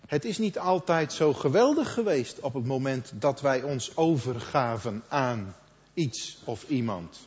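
A middle-aged man preaching a sermon in a conversational manner, quoting others in lively asides. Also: mid-range voice. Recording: dull sound with long hall reverb.

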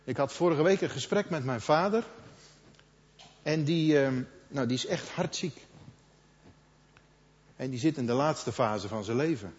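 A middle-aged man preaching a sermon in a conversational manner, quoting others in lively asides. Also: mid-range voice, a little slow, long pauses. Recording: dull sound with long hall reverb.

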